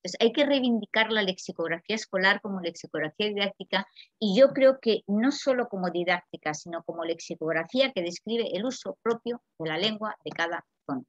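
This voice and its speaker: A woman from Spain with a Peninsular Spanish accent giving a lively, chatty seminar lecture and asking the audience questions. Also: mid-range voice, fairly quick, dry recording. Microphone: video call. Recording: dull, dry video call audio.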